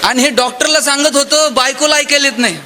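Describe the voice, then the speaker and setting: A man giving a motivational public lecture, telling stories and voicing the people in them, swinging between loud exclamations and soft asides. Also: extremely high pitch, quick pace, background noise. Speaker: motivational speaker.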